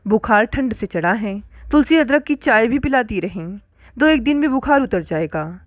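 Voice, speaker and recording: A calm male doctor , read by a woman, giving plain, matter-of-fact advice. The sound is dry and close. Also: fairly high pitch, moderate pace, no echo, close to an everyday voice.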